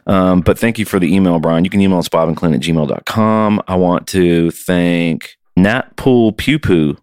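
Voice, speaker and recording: A man's voice: low-pitched, normal speed, a little mellow, clear, resonant tone, no room sound. A man co-hosting a podcast from his home music studio, chatting loosely with jokes and swearing. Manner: loose, joking and profane. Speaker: podcast co-host and touring musician. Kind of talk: casual podcast chat.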